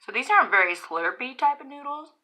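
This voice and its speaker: A woman's voice: sits high, lively intonation, brisk, pushed and bright, poor audio. A middle-aged woman casually telling stories while eating in her bedroom, chatty, with frequent chuckles and fillers. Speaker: mukbang vlogger.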